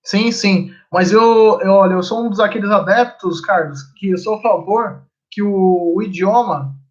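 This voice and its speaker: Brief: Brazilian-accented male live-stream host, high voice, loose and chatty, muffled lo-fi audio. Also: unhurried. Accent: Brazilian Portuguese. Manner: rambling, informal, swears casually. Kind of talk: casual live-stream talk.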